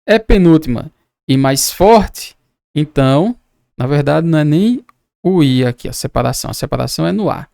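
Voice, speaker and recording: A man's voice: on the high side, animated, normal speed, vocal fry, dark tone, dry recording, studio quality. A man from Brazil teaching an exam-prep lesson, patiently repeating and breaking down words as he explains quiz answers. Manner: patient, repeats and spells out words, casual asides.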